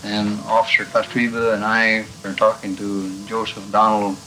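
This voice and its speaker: A middle-aged male detective questioning a suspect on an old archival tape recording, speaking haltingly with many fillers. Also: fairly low pitch, completely flat delivery, over music, low-quality recording. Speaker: police detective interrogating a suspect. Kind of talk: police interrogation.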